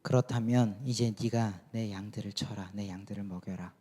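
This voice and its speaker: A man voicing a gentle, loving Jesus speaking quietly and earnestly to a disciple. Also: on the low side, steady tone, normal speed, lightly acted. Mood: tender. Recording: long church hall reverb.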